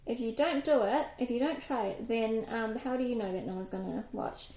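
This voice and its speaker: A woman's voice: fairly high pitch, fairly quick, warm tone, reverberant, poor audio. A woman live-streaming from her home kitchen, chatting casually and greeting viewers by name.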